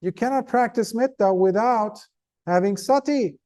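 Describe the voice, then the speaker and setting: A man, a Buddhist monk, giving an earnest, conversational Dhamma talk to a group, tired, with emphatic stresses and pauses. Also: sits high, dark tone.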